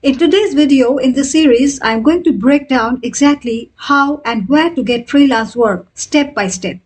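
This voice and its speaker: A woman in her thirties giving a scripted freelancing tutorial, explaining each step clearly and in order. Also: high voice, moderate pace. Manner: clear, step-by-step instructional delivery. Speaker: freelancing coach.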